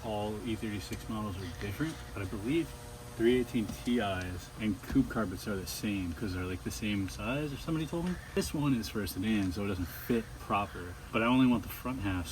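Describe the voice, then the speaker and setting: A man's voice: on the low side, brisk, recorded from a distance, noisy background. A man casually explaining his car work, dry and laid-back, a little out of breath. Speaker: car hobbyist. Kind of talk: casual chat while working on a car.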